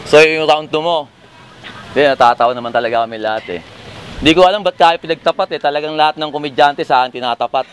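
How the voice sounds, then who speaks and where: A man's voice: on the high side, fast talker. A man freestyling conversational, comedic battle rap banter in a teasing, profane manner. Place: live battle rap event. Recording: noisy urban ambience with vehicles.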